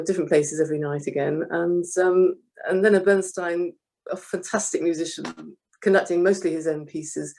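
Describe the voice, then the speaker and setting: Self-effacing older flutist, mellow tone. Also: mid-range voice. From Britain. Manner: hesitant restarts, chuckling, self-effacing. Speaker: orchestral flutist guest. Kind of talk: anecdotal interview storytelling.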